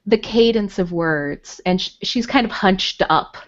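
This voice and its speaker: A woman's voice: medium pitch, measured pace. A woman narrating as dungeon master, describing the scene with frequent fillers. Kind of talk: narrating a tabletop game. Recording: dull lo-fi recording.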